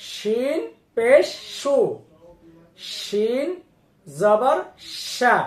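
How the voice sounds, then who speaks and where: A woman teaching Quran reading through a slow syllable-by-syllable spelling drill. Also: a little high. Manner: slow, drawn-out, instructive recitation. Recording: echoey room.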